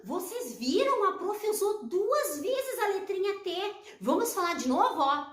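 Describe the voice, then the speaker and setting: A Brazilian woman teaching children letter sounds, slow and encouraging, drawing out each syllable. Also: extremely high pitch, big pitch swings, reverberant. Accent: Brazilian Portuguese. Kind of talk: children's phonics lesson.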